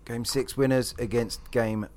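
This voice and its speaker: A man's voice: medium pitch, fairly even intonation, unhurried, darkish tone, slight background noise. A man hosting a live sports draw, announcing each number as a fixture and chatting casually in between. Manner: repeats each drawn number as a match announcement.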